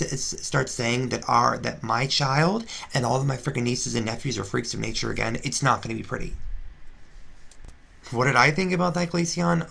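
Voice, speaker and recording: A woman's voice: rumbling low, creaky, fairly bright tone, husky, exaggerated voice. A woman voicing a brash, gossipy female Flareon reality star, ranting sarcastically in a confessional-style fan drama. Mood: indignant. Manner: indignant, sarcastic ranting with restarts.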